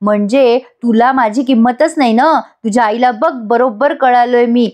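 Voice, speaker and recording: A woman's voice: a little high, moderate pace, darkish tone, natural voice. Touchy husband guy, done by a woman, sulky and defensive. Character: proud, touchy young husband.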